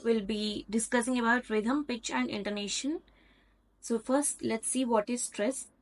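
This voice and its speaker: A woman's voice: a little high, steady tone, measured pace. A woman with an Indian English accent, teaching a lecture patiently, step by step with examples. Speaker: online tutor. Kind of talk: explanatory lecture over slides.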